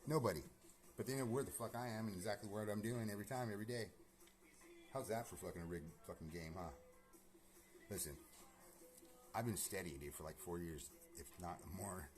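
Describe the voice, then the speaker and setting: Male vlogger with a low register, restless and foul-mouthed, talking fast from an empty house. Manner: profane, agitated, rambling. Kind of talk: rambling personal monologue. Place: empty house being renovated.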